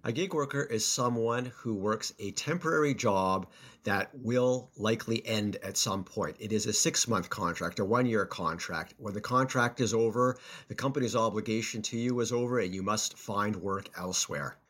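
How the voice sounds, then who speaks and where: A man's voice: on the low side, moderate pace, fairly bright tone. A man co-hosting a podcast in an explanatory style, talking into a cell phone from under a blanket in his home office. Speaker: podcast co-host, personal finance columnist.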